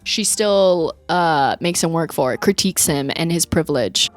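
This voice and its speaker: A young woman co-hosting a casual podcast, retelling a film with lively, laughing asides and acted-out quotes. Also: deep voice, moderate pace, soft background music. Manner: animated, acts out quotes with laughs. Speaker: podcast co-host.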